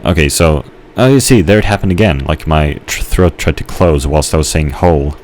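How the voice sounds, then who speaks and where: A man's voice: a bass voice, a little fast, darkish tone, a little hiss or hum. A man casually rambling while playing a game, hesitant, with many fillers and restarts. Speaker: gamer narrating his gameplay.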